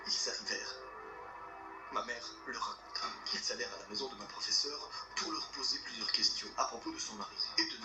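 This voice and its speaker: A man telling a creepy story in a playful way, often dropping into hushed whispers. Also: mid-range voice. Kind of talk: horror story narration with jokes. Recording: echoey room, distant mic, music. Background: loud music.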